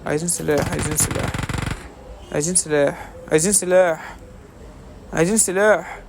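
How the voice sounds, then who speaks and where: A young man with an Egyptian accent giving quick, joking commentary while playing a shooter game. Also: a little high, creaky, noisy background. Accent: Egyptian Arabic. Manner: quick, joking banter at enemies and teammates. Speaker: gaming creator. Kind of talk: live gaming commentary. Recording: game gunfire in background. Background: loud gunshots and clicks.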